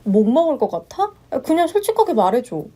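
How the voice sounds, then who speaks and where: A woman voicing a polite, long-suffering young wife who speaks in a measured way and turns firm under pressure. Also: high-pitched, very animated, mellow. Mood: worried. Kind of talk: story narration with voiced roles.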